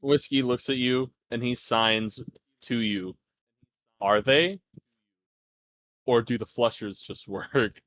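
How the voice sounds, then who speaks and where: A man's voice: mid-range voice, slow pace, pauses often, fairly bright tone, dry recording. A man running a tabletop game as game master, narrating crudely and laughing often.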